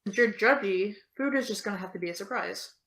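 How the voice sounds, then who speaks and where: In a low-quality recording, a young adult woman lightly acts as Eve, a sardonic young American woman, for an audio drama. Her mid-range voice is fairly quick, and the tone is teasing and intimate, delivered dryly and deadpan.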